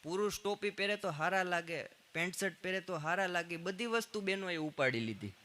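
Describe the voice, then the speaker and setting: Man, high voice, very bright tone, stage jokes with quoted back-and-forth. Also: animated. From Gujarat, India. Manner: punchline jokes with quick quoted exchanges. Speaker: stand-up comedian. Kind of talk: live Gujarati stand-up storytelling.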